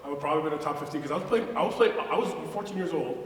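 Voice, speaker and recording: Young male coach, from Nigeria, lively slangy chat, recorded far off in a reverberant room with faint noise. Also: very fast. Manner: animated, slangy, swings from excited to low and quiet. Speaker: guest, basketball coach. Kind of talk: casual podcast chat.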